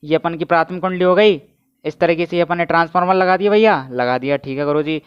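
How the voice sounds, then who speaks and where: A man's voice: a little high, fast, clear, resonant tone. A man teaching physics, constantly quizzing his students and urging them to comment. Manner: keeps asking students to answer and comment; energetic, repetitive teaching. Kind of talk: energetic online lecture. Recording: dull, muffled lo-fi audio.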